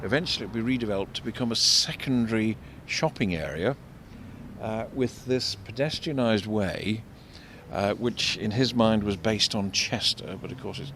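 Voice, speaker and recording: An older man giving unscripted commentary as an architect and local guide, discursive and explanatory, halting and repeating words. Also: a bit bright. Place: outdoors in a shopping street. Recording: vehicle rumble, street noise. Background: faint street traffic rumble.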